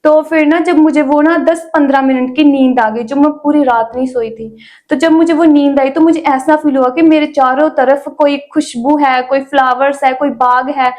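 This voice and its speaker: A young woman with a high voice tells her faith testimony in a casual interview. She talks in a chatty way, with many small fillers between her words. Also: steady tone, normal speed, a little mellow. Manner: chatty storytelling with frequent "ना" fillers. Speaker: guest sharing her testimony.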